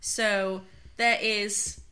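A woman co-hosting a casual podcast, giggly and animated with quick asides. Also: medium pitch. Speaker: podcast co-host. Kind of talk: casual chat.

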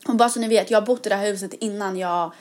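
A young woman talks in a lively, chatty way on a podcast. She slips English words into her sentences. Her voice sits at an ordinary middle pitch. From Sweden. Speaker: podcast co-host. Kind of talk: casual chat.

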